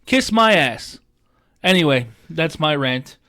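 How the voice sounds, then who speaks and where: A man co-hosting a podcast, ranting casually and swearing freely, mocking people in high put-on voices. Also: expressive, takes it slowly, pushed and bright. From Chicago area, US. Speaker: podcast co-host. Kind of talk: casual profane rant.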